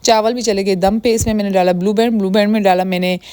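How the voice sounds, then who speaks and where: Fast-talking woman cooking vlogger. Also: mid-range voice, fairly even intonation, dark tone, smooth, dry recording. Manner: talks fast, friendly and homely. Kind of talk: chatty cooking voice-over. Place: home kitchen.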